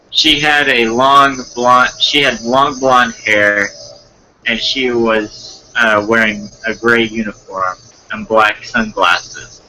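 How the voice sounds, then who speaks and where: A man reading a fan story aloud, slow and hesitant, with many fillers. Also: medium pitch, bright, forceful tone, a little hiss or hum, poor audio.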